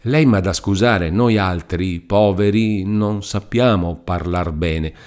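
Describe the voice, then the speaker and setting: A man's voice: low voice, slow pace, darkish tone. A man voicing a humble young peasant who speaks hesitantly and apologetically. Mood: timid. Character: humble young male peasant, timid and deferential.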